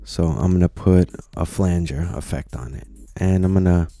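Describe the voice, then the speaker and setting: A man casually explaining software steps one at a time in a screen-recorded tutorial, with lots of "you know"s. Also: sits low, moderate pace, no echo, soft background music. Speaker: tutorial presenter.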